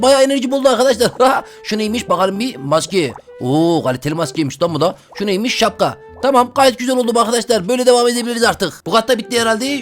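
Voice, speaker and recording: Gaming YouTuber, male, high and quick, excitable running commentary. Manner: excitable, loud exclamations, chatty with viewers. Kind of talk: excited let's-play commentary.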